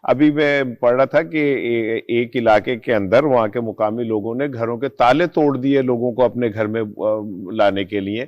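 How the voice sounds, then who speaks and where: A man speaking as a panelist in a talk show discussion, building from measured points into indignant rhetorical questions. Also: medium pitch, dull audio.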